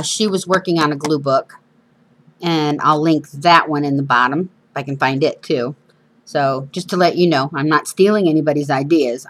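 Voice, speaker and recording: A craft show host with a deep but fairly bright voice runs a casual, chatty demonstration indoors at a craft table. Missing front teeth make her sibilants whistle, and she drops in informal, self-deprecating asides.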